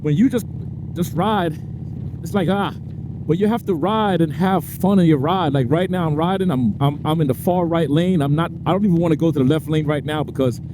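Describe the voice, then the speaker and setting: A man's voice: fairly high pitch, a little fast. A man chatting casually to viewers while riding his motorcycle, laughing often and stretching out his stresses. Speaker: motorcycle vlogger. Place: on a motorcycle in traffic outdoors. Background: faint traffic and wind noise.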